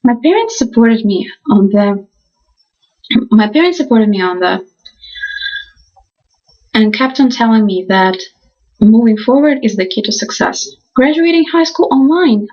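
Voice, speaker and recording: A young college student from Ukraine, whose first language is Russian, reads her class presentation earnestly but haltingly, often restarting sentences. Her voice is a little high, breathy, and expressive, with a darkish tone. The recording is muffled and lo-fi.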